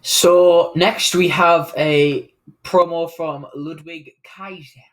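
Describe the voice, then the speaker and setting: A man's voice: fairly high pitch, steady tone, takes it slowly. A man giving a casual, unscripted recap of a wrestling show, rambling along with plenty of fillers and self-corrections.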